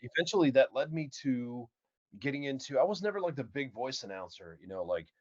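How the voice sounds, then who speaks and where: A man's voice: mid-range voice, lively intonation, a little fast. A man, a voice actor, chatting as an upbeat interview guest. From Texas, USA. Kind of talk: casual interview chat. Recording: slightly dull, muffled audio.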